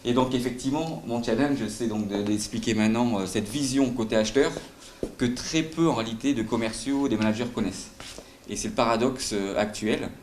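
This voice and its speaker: A roomy hall with faint noise carries a live conference sales talk by a middle-aged man with a light southern French accent. He's hesitant, leans on fillers and quizzes the audience. His mid-range voice is brisk and a little mellow.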